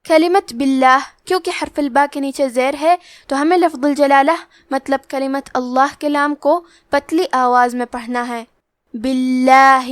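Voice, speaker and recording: Female recitation teacher, high voice, dry close sound, patient and methodical, walking through rules word by word. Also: no room sound. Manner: methodical, patient step-by-step instruction. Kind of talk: tajweed lesson, explaining rules word by word.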